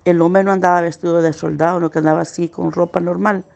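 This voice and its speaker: A middle-aged woman gives earnest, pained personal testimony as a witness, slowing down at the hardest parts. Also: fairly low pitch, little pitch movement, gravelly, a little mellow. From El Salvador. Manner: earnest, pained recounting, slowing at hard moments.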